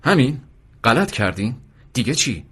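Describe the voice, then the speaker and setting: A man's voice: medium pitch, sing-song, fairly bright tone, breathy edge, full character voice. A man voicing a stern young revolutionary guard who speaks curtly and mockingly. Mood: commanding. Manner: curt, mocking.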